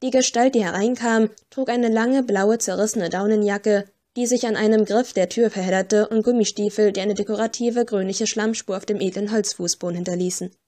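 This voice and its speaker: A woman's voice: medium pitch, steady tone, a little fast, hardly any pauses, mellow. Woman narrating an audiobook wryly. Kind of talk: scripted first-person audiobook narration.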